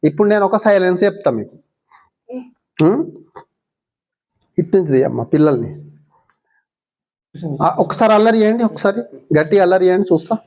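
Woman, Telangana accent, lowish voice, coaxing classroom teacher, short questions to children. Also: animated, normal speed, pauses often, mellow. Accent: Telangana Telugu. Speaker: visiting mindfulness teacher. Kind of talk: teaching young schoolchildren. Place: primary school classroom.

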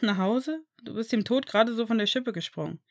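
A woman voicing a young male healer who scolds his injured friend in a brisk, worried way, read from a fan fiction story. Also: fairly high pitch, expressive, no room sound, studio quality. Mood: scolding.

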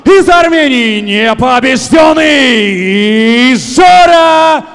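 A young man announcing boxers as a ring announcer, theatrically, with drawn-out, shouted names into a handheld microphone in a big hall. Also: extremely high pitch, animated, clear, resonant tone. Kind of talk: boxing ring announcer introductions. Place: large indoor boxing arena. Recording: echoey hall PA with background noise.

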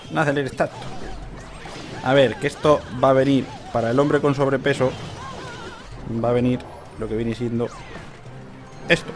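A man from Spain giving casual gameplay commentary, excitable, shouting at the game, cursing and laughing as he plays. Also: mid-range voice, vocal fry. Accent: Spain Spanish. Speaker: gaming youtuber.

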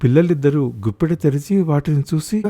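This is a male storyteller who reads an audiobook story in a measured, expressive way. His voice sits a little high for a man.

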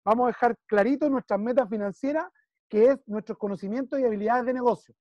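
A man's voice: very high-pitched, fast, darkish tone, dry recording, dull audio. A man with a Chilean accent coaching a client one-on-one, emphatic and repeating key phrases while he checks in. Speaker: business consultant.

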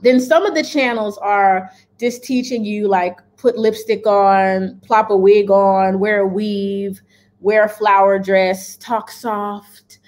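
A woman in her thirties shares her views from her home kitchen in a casual to-camera chat as a lifestyle vlogger. Her medium-pitched voice is steady, a little mellow, and slow. Still, she is direct and emphatic, often asking "okay?".

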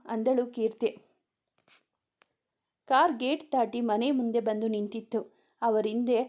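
A woman's voice: on the high side, dark tone. A woman reading a romantic family story aloud, voicing the dialogue in her own voice. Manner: reads all characters' dialogue in her own voice. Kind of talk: scripted story narration with dialogue.

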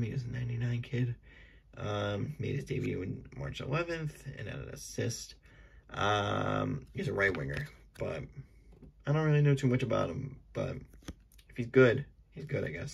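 A man's voice: lowish voice, vocal fry, slight background noise. A young man casually talking through opening packs of trading cards, rambling with frequent ums and small self-corrections. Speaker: card-opening video host. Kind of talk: casual unscripted commentary.

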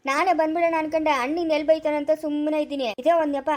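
An eager young policeman, as a woman voices him in a homemade family drama. He talks fast and restlessly, with a fairly high, light voice for a man. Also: mellow, lightly acted.

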